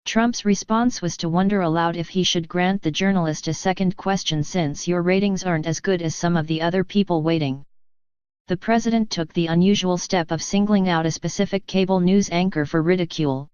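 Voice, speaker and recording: A woman reading scripted news narration in an even, measured way. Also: on the low side, clear, resonant tone, dry recording, lo-fi sound.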